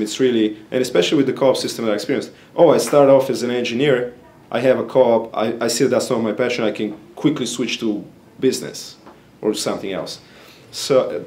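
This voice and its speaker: A young Bulgarian man, a graduate student for whom English is a second language, answers interview questions in a somewhat low, slightly mellow voice. His explanations are earnest, often broken up by pauses on fillers. He sits close to the camera in a small, plain office.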